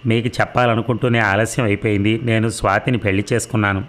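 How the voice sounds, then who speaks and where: A calm, coaxing grown son in a storybook who sidesteps his parents' questions, voiced by a man in his own low tone. He speaks in a steady, placating way. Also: quick pace, close to an everyday voice. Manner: soothing, placating.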